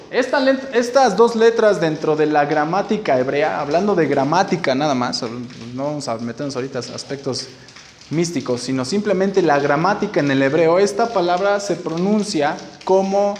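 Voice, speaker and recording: A man's voice: a little high, darkish tone. A man teaching a Bible study to a group, explaining patiently and checking in often with "ok?". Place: room with a listening group. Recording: echoey room, faint background noise.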